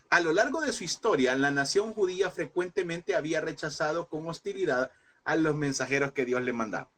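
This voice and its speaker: A man's voice: a little high, normal speed, fairly bright tone. A man teaching a Bible class in a preaching style, emphatic and repeating phrases, often calling listeners brother.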